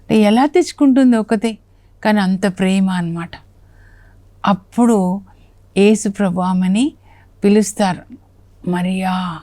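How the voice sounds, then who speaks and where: A woman teaching the Bible on a television program speaks in a friendly, conversational way. She sits at a middle pitch and acts out the quoted lines with a raised voice. Her voice is recorded dry and close, with no room sound. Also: unhurried, pauses often, warm tone, no room sound. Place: television studio.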